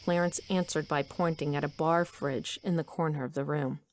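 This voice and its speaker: A middle-aged woman narrates her own adventure in the first person for an audio drama, playing a determined, wry mother in measured storytelling. Her low, darkish voice stays steady at a normal speed. The recording sounds natural, with no echo.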